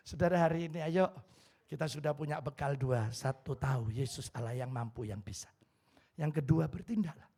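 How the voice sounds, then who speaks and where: A man's voice: fairly high pitch, moderate pace, creaky, slightly rough. A middle-aged man with an East Javanese accent preaching a humorous sermon, telling stories and acting out the voices of the people in them. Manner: animated storytelling, switches into Javanese voices for quoted people. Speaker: pastor. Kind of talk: humorous sermon with acted dialogue. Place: church hall.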